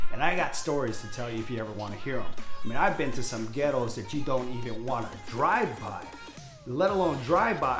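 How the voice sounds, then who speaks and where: With a mid-range voice and a roomy sound, a man in his fifties from Hawaii presents himself on camera as a real estate agent. He's candid, talkative and upbeat in the style of a salesman.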